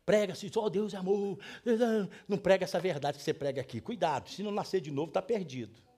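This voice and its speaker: A middle-aged man from Brazil preaching a sermon as pastor, emphatic, moving between hushed pleading and loud scolding. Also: high voice, fast.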